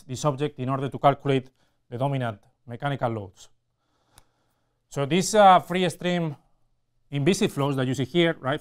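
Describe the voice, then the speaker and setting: A man in his forties delivers a technical lecture in a clean, resonant voice of medium pitch. He explains point by point, often pausing mid-phrase before carrying on. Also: clear, resonant tone. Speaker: university lecturer. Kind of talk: technical lecture at a whiteboard with slides. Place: indoor classroom or studio with whiteboard.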